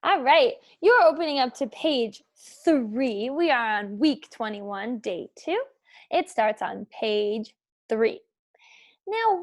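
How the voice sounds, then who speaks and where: Young teacher lady doing phonics with little kids, slow and bouncy, lots of "good job". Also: on the high side. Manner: slow, sing-song, encouraging with frequent praise. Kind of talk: phonics lesson for young children.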